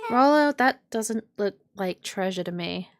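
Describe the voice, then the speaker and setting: A woman playing through a narrative game on stream, reading out the characters' lines in between her own jokey, sweary remarks. Her pitch swings widely and she talks at an unhurried, drawn-out pace. Faint music plays in the background. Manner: animated, swears, jokey asides.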